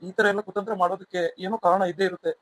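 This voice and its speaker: A man's voice: sits high, fairly even intonation, rapid-fire, fairly bright tone, no echo, poor audio. A man voicing a stern, protective elder brother in a cartoon serial, blunt and commanding. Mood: reassuring.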